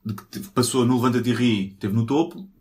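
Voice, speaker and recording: A man co-hosting a podcast, asking questions in a relaxed, chatty way. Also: medium pitch, fairly quick. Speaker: podcast co-host. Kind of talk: casual podcast conversation.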